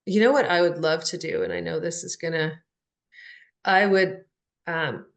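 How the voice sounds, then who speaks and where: A woman's voice: fairly low pitch, steady tone, normal speed, creaky. A woman hosting a spiritual podcast, talking earnestly about soul, energy and healing. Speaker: podcast host.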